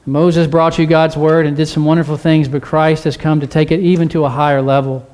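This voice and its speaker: A man's voice: fairly high pitch, little pitch movement, a little fast, darkish tone. Earnest male pastor preaching. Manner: earnest, repetitive exhortation with rhetorical questions. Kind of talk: sermon. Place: church.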